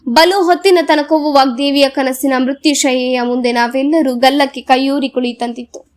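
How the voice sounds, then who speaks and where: A woman narrating a novel as an audiobook in a measured, solemn reading. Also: high-pitched, steady tone. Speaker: audiobook reader. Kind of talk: scripted narration.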